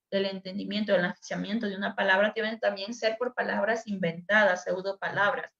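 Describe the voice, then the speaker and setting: A woman's voice: mid-range voice, fairly bright tone. A woman teacher, patiently explaining a dyslexia assessment to a workshop group over a video call. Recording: echoey room, dull lo-fi sound.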